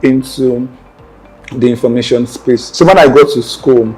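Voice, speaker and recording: Over soft background music, a young Nigerian-accented man recounts his life as an interview guest at a measured pace. His mid-range voice is a little mellow with a breathy edge. The telling is earnest and meandering, personal storytelling in conversation, and he often circles back to correct himself.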